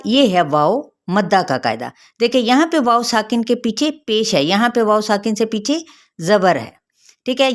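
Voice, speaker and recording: A woman teaching a Quran recitation lesson, explaining each rule step by step, checking that listeners follow and slowly chanting the verses. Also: medium pitch. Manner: slow drawn-out chanting of verses. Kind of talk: tajweed lesson.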